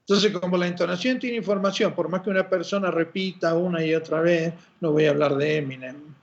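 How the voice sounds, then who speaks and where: A man being interviewed, explaining in a lively, teacherly way and posing questions he then answers himself. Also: on the high side, brisk. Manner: lively teacherly, asks and answers his own rhetorical questions. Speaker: interview guest. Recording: muffled lo-fi audio.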